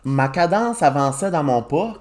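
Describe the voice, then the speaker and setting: This time the young Québécois man speaks in a fairly high, expressive voice with a darkish tone, at normal pace. As host of a casual podcast, he jokes about himself through his stories and laughs frequently.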